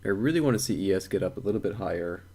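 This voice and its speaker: A man's voice: low voice, expressive, very fast, gravelly, a little mellow, slightly rough. A young man thinking aloud while day trading on a live stream, repeating words and chuckling to himself.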